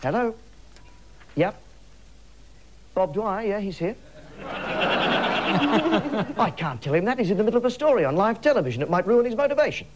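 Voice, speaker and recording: Hosting live TV comedy from a television studio, an Australian man with a high voice and big pitch swings speaks at normal speed, pausing often. His mock bedtime story comes with campy, cheeky asides, and the studio sound is noisy.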